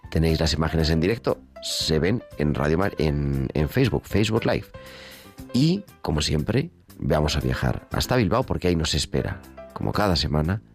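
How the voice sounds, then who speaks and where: Deep-voiced radio host. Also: male voice. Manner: brisk, reads contact details aloud. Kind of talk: live radio hosting.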